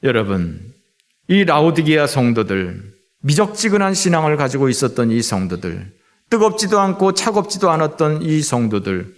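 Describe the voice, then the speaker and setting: A middle-aged man from Seoul preaching a Sunday sermon as pastor in a church, pausing often with filler sounds. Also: fairly high pitch, sing-song. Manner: frequent filler sounds and drawn-out hesitations. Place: church sanctuary.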